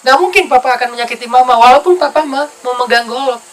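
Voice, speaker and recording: A man voicing a panicking young wife on a sinking ship, with a shrill, pleading delivery. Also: fast talker, a bit bright, slight background noise. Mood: reassured.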